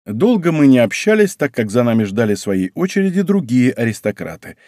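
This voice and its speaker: A man narrating a first-person story as an audiobook, in an expressive, conversational way. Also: medium pitch, brisk, no echo, studio quality.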